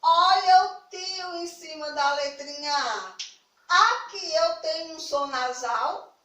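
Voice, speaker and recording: A woman's voice: high-pitched, slow pace, bright, forceful tone. A young woman from Brazil teaching a recorded lesson to children, patient, asking questions and answering them herself. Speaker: primary school teacher. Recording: echoey room, voice a little far from the mic.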